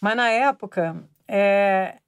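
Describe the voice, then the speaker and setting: A woman's voice: mid-range voice, slow, clear, resonant tone, no room sound. A Brazilian woman tells a winding anecdote in an easygoing interview, with a Brazilian Portuguese accent and a voice of ordinary height. She breaks into small chuckles mid-sentence as she goes. The sound is dry, with hardly any room around it. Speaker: singer-songwriter guest. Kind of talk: casual storytelling in an interview.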